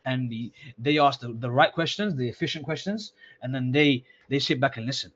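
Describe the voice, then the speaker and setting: A man's voice: medium pitch, fairly quick, a bit bright. A man reviewing a sales call with a student in a casual coaching tone, often repeating words and calling him akhi. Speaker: sales mentor. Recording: slightly dull lo-fi sound.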